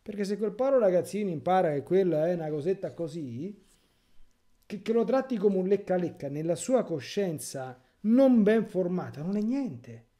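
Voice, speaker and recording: A man's voice: sits high, animated, moderate pace, warm tone. A man, a priest, giving a catechesis sermon in an impassioned, rhetorical way with sarcastic asides.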